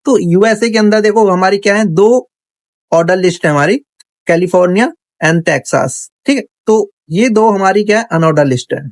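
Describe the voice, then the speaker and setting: A man's voice: high-pitched, normal speed, dry recording. A man teaching a coding lesson over his screen, chatty and thinking aloud, checking in with the viewer often. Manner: chatty, thinks aloud, frequent "theek hai" check-ins. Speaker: coding instructor. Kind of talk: casual screen-recorded coding tutorial.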